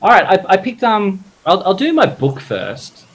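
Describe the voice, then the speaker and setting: A man's voice: sits high, wildly swooping pitch, unhurried, a bit bright, slight background noise. Guy on a video call from a hotel room, jokey, pokes fun at himself. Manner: joking, self-deprecating. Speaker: panelist. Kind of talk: online panel discussion.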